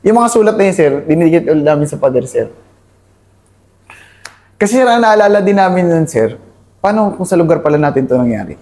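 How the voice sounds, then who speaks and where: Warm-toned and a little fast, with animation and long pauses, a high-leaning voice belongs to an army officer from Cavite in the Philippines. He's an earnest interview guest who speaks candidly, mixes in English, and attaches "sir" to almost every phrase.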